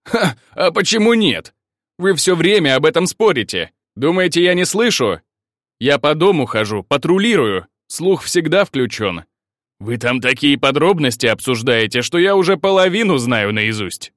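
A man's voice: medium pitch, lively intonation, moderate pace, fairly bright tone, no echo, clean studio sound, lightly acted. A man voicing a brash, mocking male guard commander who teases and drawls in an audiobook. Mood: teasing. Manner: teasing, laughing, drawling.

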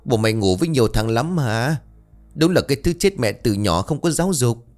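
A man's voice: medium pitch, animated, a little fast, darkish tone, soft background music, pitched above the performer's own voice, lightly acted. A man voicing a harsh middle-aged village stepmother who shrieks insults and wails. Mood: scolding.

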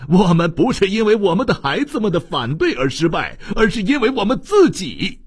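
A narrator putting on a bitter, jobless former secret-police officer, shouting high and hard, raspy edge, dry close sound. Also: male voice, sing-song, normal speed, exaggerated voice. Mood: angry shout.

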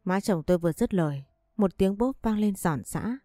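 A woman reading a family drama story aloud in a steady storytelling voice. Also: mid-range voice, normal speed, no echo. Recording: dry close voice with faint music behind.

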